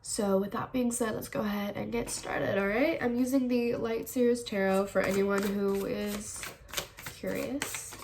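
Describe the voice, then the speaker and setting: A woman who hosts a channel gives her viewers a tarot reading, chatting casually and thinking aloud as she goes, often repeating "all right." She sounds stuffy, congested and sniffly, with a medium-pitched, steady, slightly mellow voice, some vocal fry, and a measured pace, plus a little hiss or hum.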